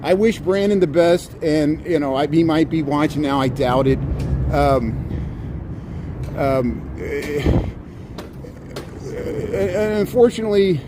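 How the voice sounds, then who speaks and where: A man chatting casually on a livestream outdoors, rambling and halting, often repeating his words. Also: a little high. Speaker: live streamer. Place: outdoors on a city riverwalk. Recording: outdoor livestream with clear city noise.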